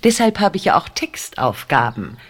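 An actress playing a brisk math teacher who speaks in a firm, matter-of-fact way. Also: female voice, on the low side, sing-song.

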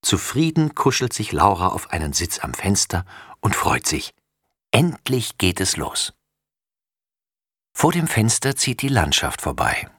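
Deep, lively male storybook reader. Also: unhurried, breathy edge, no room sound, clean studio sound. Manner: expressive, lively. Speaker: narrator. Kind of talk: children's storybook reading.

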